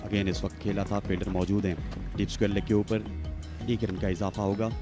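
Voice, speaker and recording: A man's voice: fairly low pitch, little pitch movement, brisk, over music. A man giving live cricket commentary, describing each ball as it is played.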